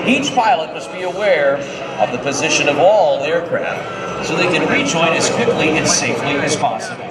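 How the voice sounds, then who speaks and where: A man working as an airshow commentator, addressing the crowd in a showmanlike announcer's style. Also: a little high. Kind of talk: airshow commentary over a public address system. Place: outdoor airshow, heard over loudspeakers with music behind. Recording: echoey outdoor loudspeaker from far off, loud music.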